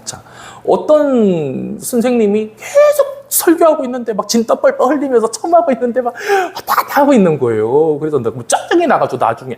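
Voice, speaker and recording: Male pastor, sermon, very lively pitch, playful, frequent laughter, asks the congregation for amens. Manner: animated and playful, laughs often between phrases; talks directly to the congregation, asking for amens. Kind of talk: sermon at a Friday evening revival service.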